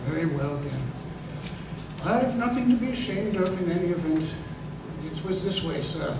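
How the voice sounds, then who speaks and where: A man with a high voice acts the part of an embittered, working-class former corporal, crippled and recalling a betrayal, in an old-time radio drama. He sounds wistful and bitter, speaking haltingly, repeating words and leaning hard on them. Recorded live in a museum, the audio is echoey and noisy from a distant mic.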